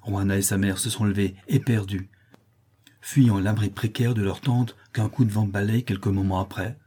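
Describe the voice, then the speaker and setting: Low, husky male storyteller. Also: steady tone, normal speed, mellow. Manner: dramatic storytelling delivery. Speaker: audiobook reader. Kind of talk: scripted narration.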